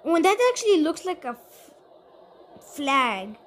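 A high-pitched woman rambles through casual gameplay commentary as her channel's host. She sounds exasperated and keeps addressing her viewers directly. A faint hiss sits under her voice. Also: sing-song, unhurried, a faint crowd.

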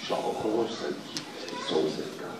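A man reading a children's book aloud with a lively, expressive delivery. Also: low-pitched. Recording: echoey room, distant mic, noisy.

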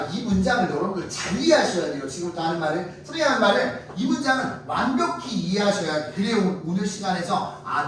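A man teaching English grammar to a class, drilling students with quick questions and lively explanations. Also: sits high. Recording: echoey classroom from far off, faint noise.

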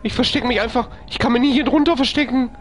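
A man's voice: very high-pitched, fairly even intonation, fast, soft background music. A man streaming a horror game, talking to himself in panicky bursts and repeating phrases. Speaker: let's play streamer. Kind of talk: live gameplay commentary.

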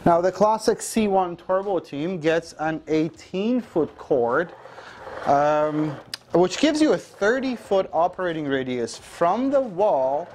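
A man in his thirties walks through a product demonstration in an upbeat, salesy way, pausing on the odd filler. His voice sits a little high for a man. A faint background hum runs under the talk in this indoor studio. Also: expressive, darkish tone. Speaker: vacuum store presenter. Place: dark studio showroom, indoors.

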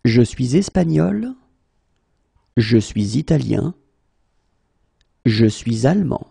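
A man's voice: medium pitch, sing-song, slow, creaky, warm tone, breathy edge, no room sound. A man teaching French phrases, saying each one, then breaking it into single words, then saying it again. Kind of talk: slow phrase drills for learners.

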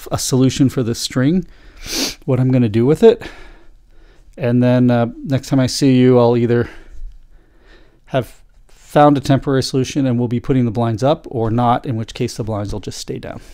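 A man's voice: medium pitch, mellow. A man vlogging casually, chatting and thinking aloud while fixing things on his van. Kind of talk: casual vlog narration.

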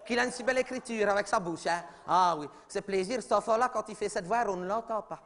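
In a lightly acted comedy sketch monologue, a man talks fast in a high-pitched voice as a chatty, oblivious middle-aged mother at a school meeting. She rambles, gossips, repeats "oui, oui" and talks over others, with background noise behind him.

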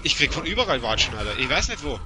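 A young man giving excited commentary while he plays a game, shouting and jumpy, swinging between panic and boasting. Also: mid-range voice, fast talker. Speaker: Let's Play gamer.

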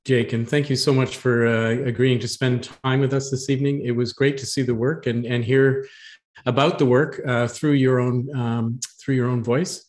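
A man's voice: medium pitch, fairly even intonation, normal speed, darkish tone. A man hosting a talk series on a video call, giving friendly, slightly rambling closing remarks. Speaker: host, moderator. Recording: echoey room.

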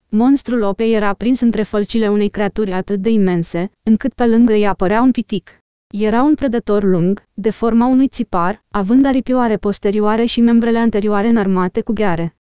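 A woman narrating an audiobook in a steady, even storytelling manner. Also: medium pitch, clean tone, no echo.

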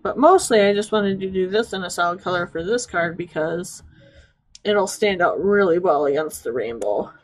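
A woman's voice: fairly low pitch, animated, moderate pace, a little hiss or hum, low-quality recording. Congested woman chatting through a craft demo. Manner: chatty, explains while working. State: slightly congested, sniffly. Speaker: craft video host. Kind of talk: casual craft tutorial.

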